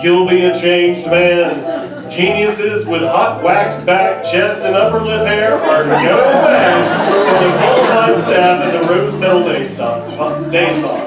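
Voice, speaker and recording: A man as a booming game show prize announcer. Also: slow pace, recorded from a distance, a loud crowd. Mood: grandly enthusiastic. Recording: echoey hall, loud plucked-guitar music behind.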